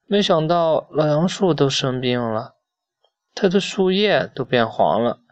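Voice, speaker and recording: A man reads a children's bedtime story aloud, slowly and gently. His voice sits a little high, and the sound is dry and close with no room echo. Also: expressive, highs cut off.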